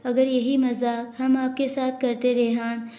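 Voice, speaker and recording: A woman's voice: on the high side, level tone, unhurried, warm tone, reverberant, highs cut off, lightly acted. A woman voicing a proud, tearful young wife who speaks in a reproachful, formal way. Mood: angry.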